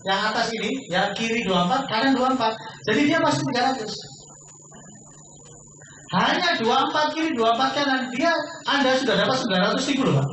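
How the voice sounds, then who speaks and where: A man giving a persuasive business sales pitch to a seminar audience, asking questions and answering them himself. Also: expressive, quick pace. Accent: Indonesian. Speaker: business presenter. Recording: echoey room from far off, faint noise.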